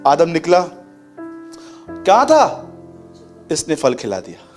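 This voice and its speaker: Male pastor, lively story-driven sermon, higher voice, light music bed. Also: slow pace. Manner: animated, acts out quotes and laughs. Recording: faint music behind.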